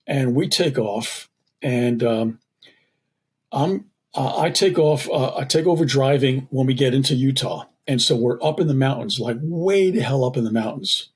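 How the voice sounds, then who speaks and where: A man from New York, a theatre director guest on a podcast, telling lively anecdotes and acting out the people in them. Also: mid-range voice, husky. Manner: animated anecdotes, acting out the people in his stories. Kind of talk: casual storytelling in a podcast interview.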